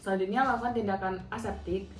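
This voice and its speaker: Speaking fast with fairly even intonation and a medium pitch, a young dental student runs through a radiography procedure in numbered steps. Soft music plays in an echoey room while she politely addresses a patient in role-play for this skills demonstration.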